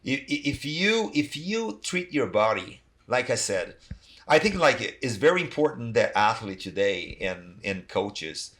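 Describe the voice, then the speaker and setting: A middle-aged Brazilian athletic trainer, a native Portuguese speaker, talks casually in English with a Brazilian accent as a guest in a podcast interview. He rambles, packing his speech with "you know" and "like." His medium-pitched voice is very animated and fairly bright, at a measured pace.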